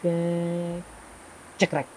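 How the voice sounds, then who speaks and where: A man's voice: high voice, very slow, a little hiss or hum, poor audio. A young man telling a horror story in casual conversation, acting out the dialogue as he goes. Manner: animated, acts out quoted dialogue. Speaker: guest storyteller.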